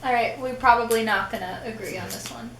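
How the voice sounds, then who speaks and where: A woman's voice: a little high, fairly quick, roomy sound, crowd noise. A woman chatting casually as a panelist, enthusiastic and giggly while counting down votes. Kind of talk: casual chat.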